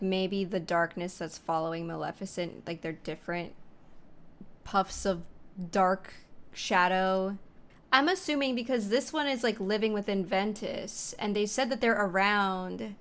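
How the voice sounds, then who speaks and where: A woman hosting a reaction video, giving casual, joking commentary in a slangy, rambling way. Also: mid-range voice.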